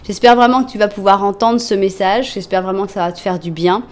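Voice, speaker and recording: Woman, tarot reader, casual reading for viewers, middle-pitched voice, chatty, reassuring, lots of fillers and self-corrections. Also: fairly even intonation, brisk. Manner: talks directly to the viewer, gentle and reassuring.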